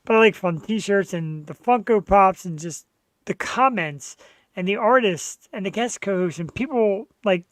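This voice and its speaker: A man hosts his own podcast, chatting casually in an earnest, rambling, self-deprecating way. His voice sits high with lively intonation and an unhurried pace, and there is no room sound.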